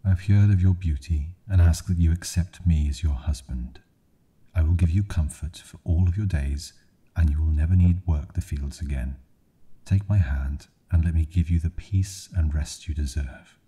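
A man's voice: rumbling low, moderate pace, mellow, slightly rough, exaggerated voice. A man whispering as a jealous hooded stranger. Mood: menacing. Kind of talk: ASMR storytelling.

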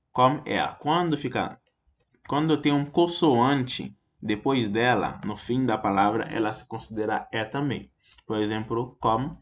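A man teaching a basic French pronunciation lesson, repeating example words and checking in with frequent "ok?". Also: medium pitch. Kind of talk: explanatory language lesson.

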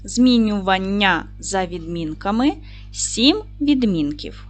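Woman teacher, animated and encouraging, clear classroom delivery, faint music under the voice. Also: mid-range voice, takes it slowly. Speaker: primary school teacher. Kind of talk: recorded video lesson for children.

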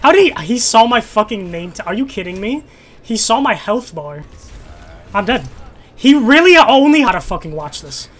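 Young male hyped gamer bro, excitable trash-talker, very animated delivery, noisy game audio behind. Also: sits high, normal speed. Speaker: video game streamer. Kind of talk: casual gaming banter and commentary.

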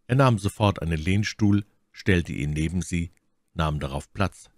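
A man narrating a classic novel as an audiobook in a measured storytelling manner. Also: low-pitched, no echo, studio quality. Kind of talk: scripted narration.

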